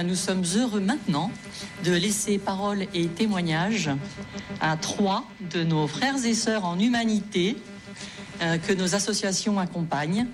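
A woman organizer giving a welcome speech to an audience, halting and full of fillers. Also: on the low side. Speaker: event organizer introducing speakers.

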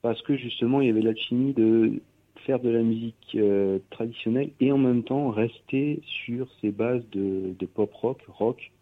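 A guest musician from Pyrénées-Orientales, France, talks casually in a radio interview in a medium-pitched voice at a moderate pace. He's hesitant, with many fillers and restarts, and the radio line sounds tinny and phone-like.

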